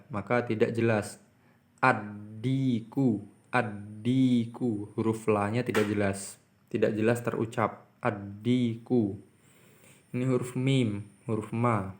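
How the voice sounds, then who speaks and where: A man teaching an Arabic reading lesson, stretching out slow model readings of each word between quick explanations. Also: on the low side, darkish tone. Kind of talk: classroom lesson, reading words aloud.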